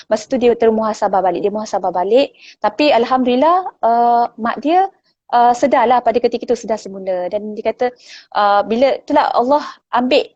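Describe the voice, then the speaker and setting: Woman guest, high voice, animated storyteller, dry and lo-fi sound. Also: no room sound. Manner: lively storytelling, retelling stories with many fillers. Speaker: book discussion guest. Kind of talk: casual book chat.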